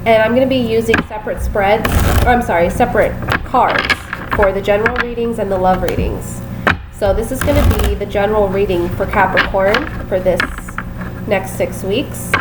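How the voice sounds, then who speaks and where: A woman with a medium-pitched, fairly even voice at normal speed gives a casual tarot reading to camera in a very noisy recording. Sick and sniffly with a sinus infection, she sounds stuffy and nasal, apologizing and chatting with many fillers.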